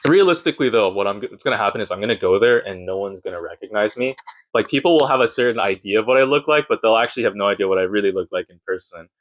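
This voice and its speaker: A man's voice: on the low side, lively intonation, racing, a little hiss or hum. A man who makes videos and streams, talking nervously and self-deprecatingly in a casual vlog from a sparse room at home. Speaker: YouTuber and streamer.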